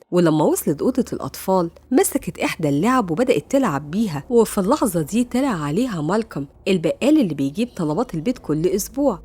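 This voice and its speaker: A woman with an Egyptian Arabic accent telling a film's story as a fast recap narrator. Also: medium pitch, warm tone, slightly rough.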